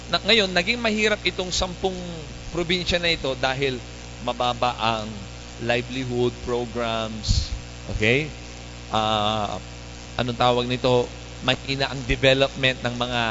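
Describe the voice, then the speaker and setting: A man's voice: on the high side, lo-fi sound, background noise. A man preaching a sermon as pastor, calling out to the congregation for responses. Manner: lively, calls out to the congregation for responses. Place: church service.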